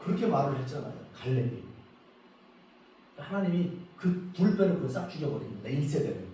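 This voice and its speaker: A male pastor preaching a lively, joking revival sermon, acting out prayers as he goes. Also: on the high side, a little fast, a little hiss or hum. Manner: animated, joking, acts out prayers. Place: church sanctuary. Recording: echoey hall from far off.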